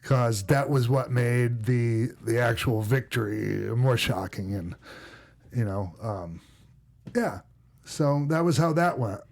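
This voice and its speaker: A middle-aged man with a Minnesota accent tells old stories on a podcast. He rambles, circles back and fills gaps with ums and you-knows. His voice sits at an everyday pitch. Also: takes it slowly, gravelly, darkish tone. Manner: rambling, many restarts and fillers. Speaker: podcast host and former wrestler. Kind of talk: casual podcast storytelling.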